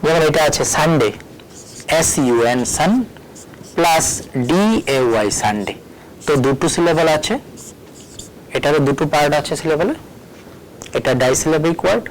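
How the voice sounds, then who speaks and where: Working at a board where he erases and writes, a man from Tripura, India, teaches a recorded lesson at a moderate pace with long pauses. His somewhat high voice comes through a low-quality recording with a little hiss or hum. He spells out words letter by letter and moves between Bengali and English.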